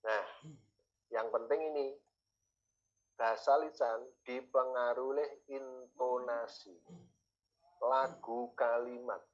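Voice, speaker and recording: A man's voice: medium pitch, fairly even intonation, slow, long pauses, highs cut off. A man teaching a university class, repeating key words and asking his students questions. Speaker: university lecturer. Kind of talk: classroom lecture.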